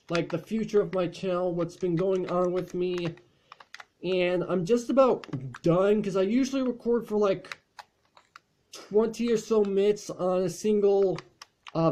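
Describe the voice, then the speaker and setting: A man's voice: sits high, darkish tone, a little hiss or hum. A man chatting casually over gameplay as a channel host, rambling along with frequent fillers and restarts.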